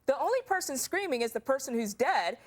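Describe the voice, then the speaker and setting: Female TV legal analyst, high voice, pushes the prosecution's case firmly. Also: big pitch swings, fairly quick. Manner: firm, insistent, leans on common sense. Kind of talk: TV panel debate.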